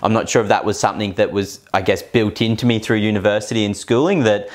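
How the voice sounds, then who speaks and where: A man's voice: fairly low pitch, fast. A man chatting on a podcast in a reflective, hesitant way, with many fillers. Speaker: podcast co-host. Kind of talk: casual podcast chat.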